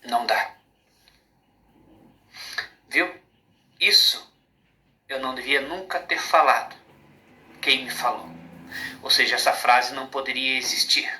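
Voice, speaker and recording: A man's voice: mid-range voice, steady tone, a little slow, pauses often, sharp tone. A man with a Brazilian Portuguese accent giving an informal spiritual monologue, emphatic and rambling, often asking rhetorical questions. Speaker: spiritual speaker. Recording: roomy echo.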